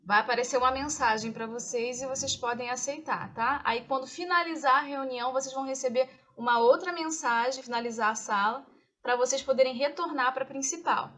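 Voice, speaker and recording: A woman's voice: high-pitched, a little fast, fairly bright tone. A woman with a Brazilian Portuguese accent, an organizer explaining step-by-step instructions over a video call. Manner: practical, step-by-step. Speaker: course organizer.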